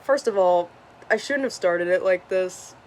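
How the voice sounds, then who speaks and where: A woman in her twenties telling a story casually at home, animated and swearing freely. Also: on the low side, measured pace. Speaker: vlogger. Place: hot room at home with a fan on. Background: faint fan hum.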